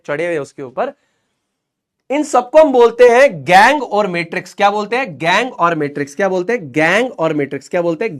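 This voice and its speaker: High-voiced man teaching. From Rajasthan, India. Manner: lively and joking, repeats questions and answers for drilling. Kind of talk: explanatory lesson.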